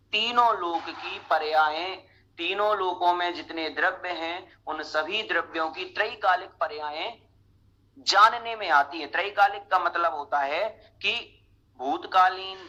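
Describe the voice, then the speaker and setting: A young man teaching a scripture class, explaining slowly and chanting verses line by line for students to repeat. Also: on the high side, bright, forceful tone, muffled recording. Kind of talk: scripture lesson with chanted recitation.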